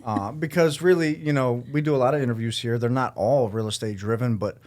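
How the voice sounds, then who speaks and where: A man hosting a podcast, relaxed and upbeat, talking in a casual, slangy way with his guest. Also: mid-range voice, brisk. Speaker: podcast host. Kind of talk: casual interview chat.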